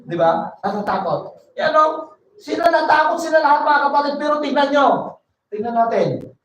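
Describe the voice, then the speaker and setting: High-voiced woman preaching in an echoey hall. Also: animated, highs cut off, a little hiss or hum. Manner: reads verses slowly, then explains them conversationally. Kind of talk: Bible study sermon. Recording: echoey room, voice from a distance.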